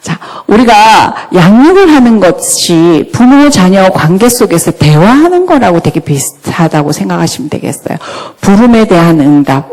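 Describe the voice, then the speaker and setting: A woman giving a church talk on parenting, lively and often asking the audience questions. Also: fairly low pitch. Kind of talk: church lecture. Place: church hall. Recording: long hall reverb.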